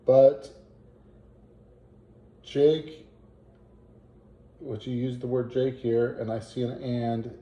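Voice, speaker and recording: A man reads a family letter aloud at a slow, halting pace. His voice is very mellow and dark, and he pauses to work out words or add small asides. The room around him gives the recording a clear echo. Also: medium pitch, fairly even intonation. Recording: roomy, echoing home recording.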